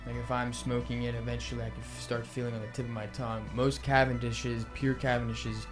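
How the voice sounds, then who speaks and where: A man's voice: medium pitch, little pitch movement, fairly quick. A man chatting casually as a pipe tobacco reviewer, hesitating and correcting himself as he goes. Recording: music playing behind.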